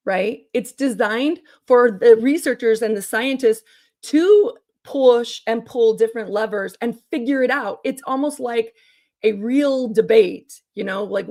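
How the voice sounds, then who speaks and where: A woman's voice: a little high, darkish tone. A woman guest researcher with a strained, strangled voice from overuse, explaining her points emphatically in a panel discussion. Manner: emphatic, explanatory, often checking with "right?". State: voice strained after a weekend of loud talking. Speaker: guest researcher and curriculum developer.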